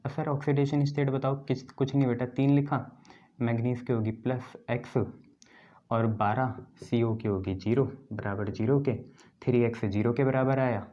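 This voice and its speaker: A man's voice: mid-range voice, warm tone, dull audio. A man teaching a chemistry lesson, quizzing his students and repeating the key terms. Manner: quizzes students, answers his own questions.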